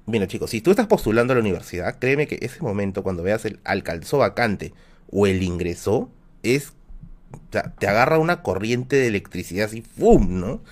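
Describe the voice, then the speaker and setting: A man's voice: lowish voice, darkish tone. A man with a Peruvian Spanish accent, casually telling a personal anecdote on his live stream, full of slang and fillers. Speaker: livestream host.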